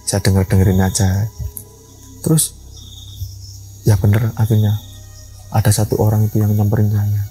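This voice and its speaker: Young man, mountain ranger, lively storyteller, mellow tone, faint music behind. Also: fairly low pitch, normal speed, pauses often, low-quality recording. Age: young adult. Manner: lively storyteller acting out dialogue. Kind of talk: storytelling interview.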